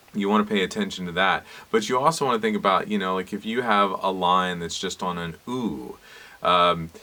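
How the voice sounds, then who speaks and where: A middle-aged man, teaching a cappella singers in a relaxed, conversational way with many fillers. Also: low voice. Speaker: a cappella instructor. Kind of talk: casual teaching monologue.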